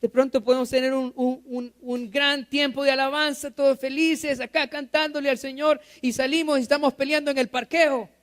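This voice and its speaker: A man's voice: very high-pitched, little pitch movement, moderate pace, hardly any pauses, a bit bright. A male pastor preaching a sermon in church. He quizzes the congregation with rhetorical questions and repeats key phrases for emphasis.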